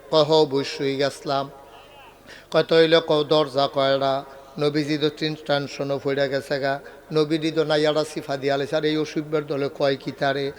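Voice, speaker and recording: A fairly high-voiced man delivers a waz sermon. He tells stories with acted-out dialogue and colloquial jokes, often climbing to near shouts. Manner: dramatic storytelling, acting out dialogue, rising to near shouts; colloquial and humorous, drawing laughter. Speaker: preacher.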